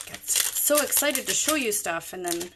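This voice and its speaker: A woman's voice: medium pitch, animated, a little slow, background noise. A woman chatting through a card-making tutorial in a rambling, self-correcting way, with the hiccups. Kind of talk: casual craft tutorial.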